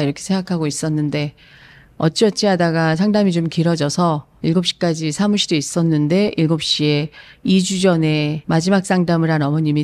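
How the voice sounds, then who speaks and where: A woman's voice: sits low, darkish tone. A woman in her late fifties, a counselor telling a case story in an earnest way and acting out the words of the people in it. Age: 50s. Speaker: psychological counselor.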